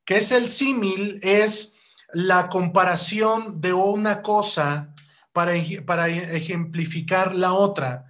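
A man preaching a sermon, asking rhetorical questions and addressing the congregation as brothers, with loud rising bursts and slow deliberate stretches. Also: sits high. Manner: rhetorical questions, keeps calling hearers "hermanos". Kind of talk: sermon teaching.

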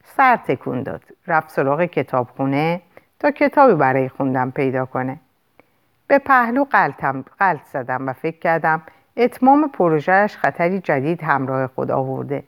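A woman narrating a novel as an audiobook in an expressive, lively storytelling manner. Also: deep voice.

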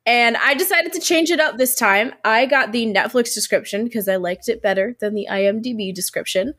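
A woman's voice: a little high, a little fast, a bit bright. A woman co-hosting a podcast in casual, jokey chat, with a stuffy nose from a head cold. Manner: jokey, laughs often. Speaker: podcast co-host. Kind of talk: casual chat about a TV episode.

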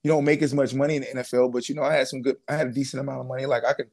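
His medium-pitched voice races along as this former pro football player, a man in his twenties, walks through his story in a casual interview. The manner is relaxed, with plenty of slang, fillers and restarts.

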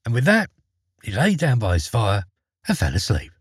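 A male storyteller reads a fairy tale in a dramatic, expressive way, and his voice rises and falls widely. The tone is husky, and the recording is dry and close with no room sound. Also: mid-range voice, moderate pace, no room sound.

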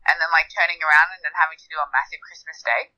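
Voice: medium pitch, fairly even intonation, quick pace, bright, forceful tone, low-quality recording. A speaker in a casual gossip chat, opinionated, often asking "you know what I mean?".

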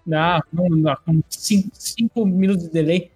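A man's voice: fairly high pitch, moderate pace, darkish tone, faint music behind, poor audio. A man in a casual podcast chat, throwing in short cursing interjections.

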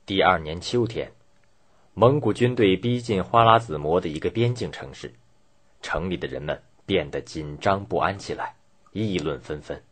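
A man delivers scripted documentary narration in a low register. His voice has a husky grain, and his intonation rises and falls widely as he tells the story in a measured, dramatic way. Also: lively intonation.

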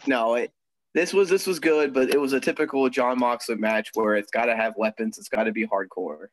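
A young man chatting casually as a podcast co-host, loose and laughing often between his points. His voice is mid-pitched, and the sound is dry and close with little room around it. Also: fairly quick, no room sound, poor audio. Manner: chatty, with frequent ums and laughs. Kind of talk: casual chat.

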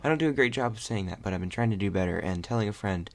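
A young man hosts a podcast in a loose, rambling chat, hesitating and reaching for fillers as he talks. His voice sits low and carries a gravelly, creaky edge. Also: expressive, rapid-fire. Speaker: podcast host. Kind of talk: casual chat.

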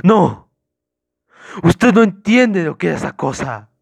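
A hysterical, terrified suspect in a homemade horror story, as the narrating man puts him on. He stammers and pleads, his voice climbing high and loud. The recording is dry and close. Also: unhurried, creaky, no echo. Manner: stammering, pleading, rising to frantic shouts. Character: terrified man under police questioning, hysterical.

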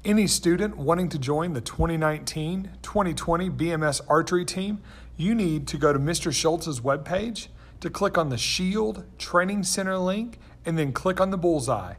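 Man, school announcer, slightly higher voice, upbeat, clear scripted reading. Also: animated, moderate pace.

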